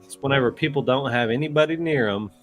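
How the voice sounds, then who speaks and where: A man's voice: medium pitch, quick pace, a bit bright, soft background music. A man co-hosting a casual podcast chat, talking loosely and often searching for his words. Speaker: co-host.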